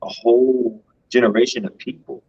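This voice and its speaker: A man's voice: mid-range voice, level tone, moderate pace, a little mellow, breathy edge, muffled recording. A man co-hosting a finance show, giving casual, emphatic commentary and tagging his points with "right?".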